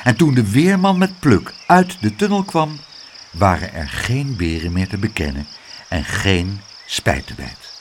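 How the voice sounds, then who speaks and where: A man reading a children's storybook aloud in a lively, expressive way. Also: fairly low pitch, measured pace, slight background noise.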